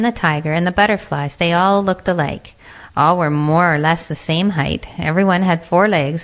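A woman narrating a children's animal fable in a gentle, expressive storybook manner. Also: lowish voice.

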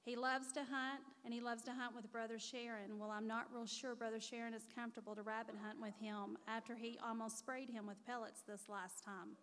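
A woman's voice: a little high, level tone, brisk, few pauses, a bit bright. A woman gives an earnest, heartfelt tribute speech as the mother of the honoree, reading from notes at a church gathering. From Missouri. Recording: reverberant hall.

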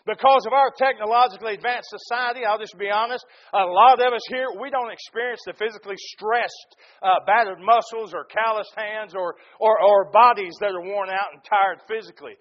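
A man's voice: high-pitched, fairly quick, few pauses, highs cut off. A man preaching a sermon, talking earnestly and directly to the congregation and building emphatic repeated lists.

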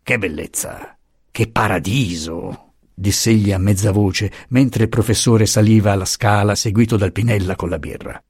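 Husky male audiobook narrator. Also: lowish voice, steady tone, normal speed, hardly any pauses, a little mellow, no echo, studio quality. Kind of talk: scripted narration of a classic novel.

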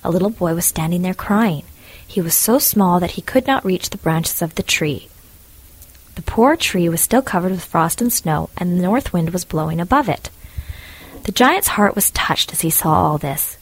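A woman calmly narrating a fairy tale in a measured storytelling manner. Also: fairly low pitch, breathy edge. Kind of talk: storybook reading.

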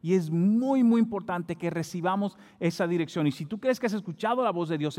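A man's voice: high-pitched, darkish tone. A male pastor preaching a sermon in a church, building his delivery to emphatic peaks. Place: church hall. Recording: long hall reverb.

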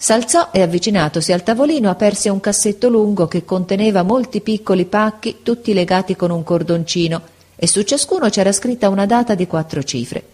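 A woman narrating a classic novel as an audiobook, reading in a measured, unhurried way. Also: medium pitch, a little mellow.

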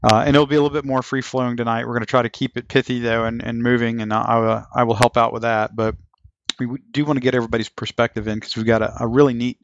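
A middle-aged man with a creaky voice of average pitch hosts a casual podcast. He talks in a folksy, joking way, and the sound is dry and a little dull. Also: flat delivery, fast talker, no room sound. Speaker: podcast host. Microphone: online voice chat, close. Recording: dull, lo-fi voice chat.

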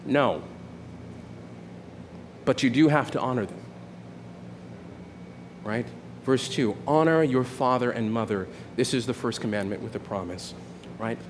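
A man's voice: mid-range voice, unhurried, pauses often, slight background noise. A man in his forties preaching a sermon in a conversational way, often checking in with "right?" and restarting his phrases. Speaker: pastor.

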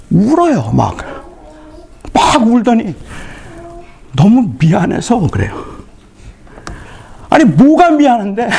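A man's voice: sits high, vocal fry, mellow, breathy edge. A middle-aged male pastor giving a retreat sermon, telling family stories and acting out the dialogue. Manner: storytelling, acts out family dialogue.

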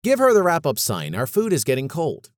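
A man's voice: a little high, wildly swooping pitch, fairly quick, dry recording, studio quality, pitched above the performer's own voice. A man reading a story and voicing a harried male TV director who blurts out orders. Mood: hurried.

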